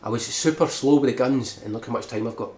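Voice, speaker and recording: This man makes speedrun guides and here narrates a tutorial, explaining the strategy and frequently checking in with "right?". He's a fast talker with a mid-range, slightly mellow voice, recorded in an echoey room with background noise.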